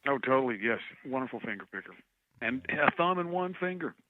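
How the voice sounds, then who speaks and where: A man on a phone call, telling rambling, animated stories and losing track of names along the way. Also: mid-range voice, fairly quick, slight background noise. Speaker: guest musician on a call. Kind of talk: casual phone chat. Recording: tinny dry phone line.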